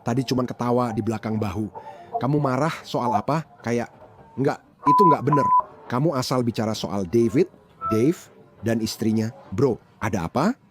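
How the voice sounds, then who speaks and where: A man dubbing a bystander who excitedly recounts a fight to police in casual slang. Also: mid-range voice, normal speed, faint music behind, lightly acted. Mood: agitated. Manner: agitated, animated retelling with slang. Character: agitated man recounting a brawl. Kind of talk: dubbed bodycam account.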